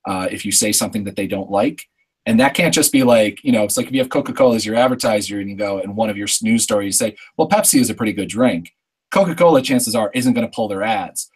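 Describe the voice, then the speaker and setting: A man's voice: lowish voice, quick pace, husky, poor audio. A man, a longtime journalist, speaking on a discussion panel in a conversational way and arguing his points at length.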